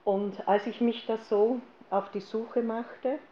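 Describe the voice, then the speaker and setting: A woman with an Austrian German accent gives a personal faith testimony to an audience, telling her story in a lively way and acting out what she once said. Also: a little high, slow, roomy sound, lo-fi sound. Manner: lively storyteller who acts out her own past lines. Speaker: speaker giving a testimony.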